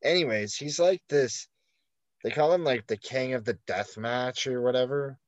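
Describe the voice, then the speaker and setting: A man's voice: medium pitch, normal speed, dry recording, muffled recording. Rambling man with constant fillers. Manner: rambling storyteller, heavy "like" fillers and swearing. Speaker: podcast co-host. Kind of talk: casual podcast chat.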